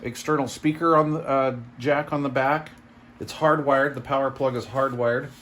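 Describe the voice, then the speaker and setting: A man reviewing products talks through an unboxing in a steady, medium-pitched voice that's a bit bright, keeping a moderate pace. He thinks aloud casually with mild exclamations of being impressed, and background noise plus room ambience are clear.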